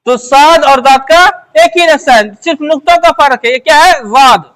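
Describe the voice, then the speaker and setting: A woman's voice: high voice, normal speed, a bit bright. A woman teaching the Urdu script, asking short questions and answering them herself while repeating key phrases. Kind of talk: letter-by-letter script lesson.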